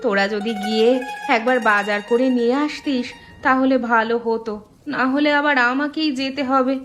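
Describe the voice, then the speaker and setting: A woman's voice: fairly high pitch, fairly even intonation, moderate pace, fairly bright tone, close to an everyday voice. A woman voicing a poor village mother in a cartoon story, worried and fussing over her family, with music behind her. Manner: pleading, fussing, scolding. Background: background music.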